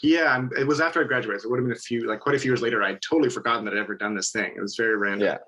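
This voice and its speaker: A man's voice: medium pitch, rapid-fire, sharp tone. A man, chatting casually in a hesitant, understated way as an interview guest. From Nova Scotia, Canada. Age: early 20s. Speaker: stem cell donor, interview guest. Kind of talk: casual conversation.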